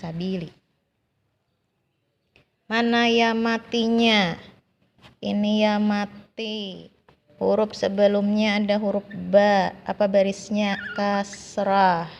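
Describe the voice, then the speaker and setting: A woman's voice: mid-range voice, flat delivery, takes it slowly, pauses often, lo-fi sound, a little hiss or hum. An Indonesian woman teaching a lesson on Quranic long vowels, patiently repeating each example and drawing out the long sounds.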